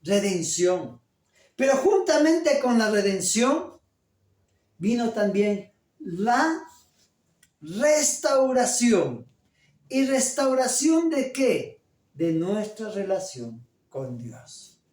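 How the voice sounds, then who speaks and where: A pastor delivers a sermon slowly and deliberately, with a voice that rises and falls a great deal. The preacher often stops to put questions to the congregation. The sound is roomy and echoey, picked up from some distance away in a church. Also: medium pitch, very animated, a little mellow.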